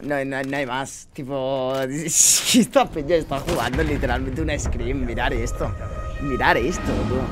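A young man from Spain with a Spanish accent, ranting and swearing in casual commentary over his own gameplay. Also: medium pitch. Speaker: gaming streamer. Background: game sounds.

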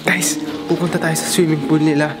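Young Filipino man vlogging over loud music. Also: on the high side, flat delivery, fairly quick. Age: young adult. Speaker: vlogger, host. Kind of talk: casual night challenge vlog chat, mixing Tagalog and English. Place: large house at night, rooms and outdoors. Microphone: handheld camera at arm's length.

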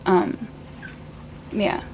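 A woman's voice: drawn-out words, noisy background. A teenage girl, a student, speaking hesitantly and casually. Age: teens. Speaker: student participant.

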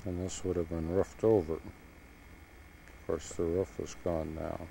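A man narrating his own home video while sightseeing outdoors, in an unhurried, plain manner, heard from an old VHS tape through a camcorder mic. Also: low-pitched, level tone, creaky, dark tone, a little hiss or hum, low-quality recording. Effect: old VHS tape sound. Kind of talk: casual travel narration.

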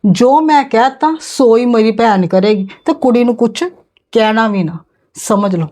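A woman's voice: high-pitched, animated, moderate pace. A woman playing a fierce protective aunt. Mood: threatening. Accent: Punjabi. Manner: stern, scolding, defiant. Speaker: bride's maternal aunt confronting in-laws. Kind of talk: amateur family drama acting.

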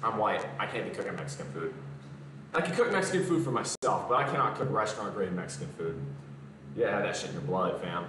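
Speaking fast with lively intonation, a young Southern man with a lowish voice answers live-stream comments between exercises at his home gym. The fitness streamer is recorded on a camera mic set at a distance, so the garage sounds roomy and there's background noise.

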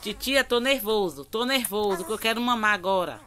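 A woman's voice: mid-range voice, expressive, brisk, a bit bright, natural voice. A woman with a Bahian accent voicing her newborn baby nephew in cooing baby talk, saying he is hungry and fussy. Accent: Bahian Brazilian Portuguese.

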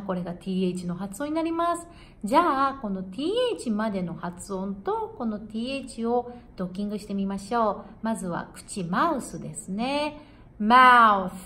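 A woman who sings jazz and coaches English pronunciation, giving a friendly, encouraging lesson and repeating each word slowly to demonstrate the sound. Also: on the high side. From Japan.

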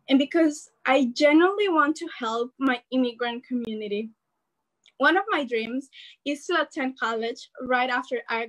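A teenage girl from El Salvador, a student organizer giving an earnest, animated rally speech over a video call from her bedroom. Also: high-pitched, rough recording. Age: teens. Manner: earnest, animated, gestures while speaking. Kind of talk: prepared speech. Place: bedroom at home. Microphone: laptop webcam on a video call.

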